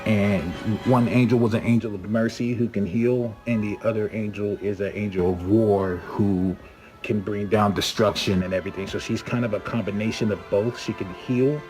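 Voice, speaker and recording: Laid-back low-voiced man over music. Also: fairly even intonation, moderate pace. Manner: easygoing, filler-heavy, enthusiastic. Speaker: comic book writer. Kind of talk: casual pitch to camera. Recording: music playing underneath.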